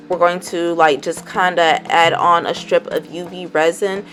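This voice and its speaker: A woman hosting a crafting tutorial in a casual voice-over, chatty and rambling, full of fillers like "um" and "and everything.". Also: low-pitched.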